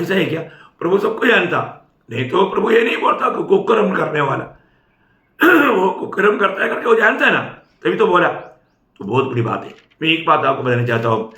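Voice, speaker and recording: A man's voice: medium pitch, sharp tone. A man preaching a sermon, speaking emphatically and often checking in with the congregation with tag questions. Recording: echoey room.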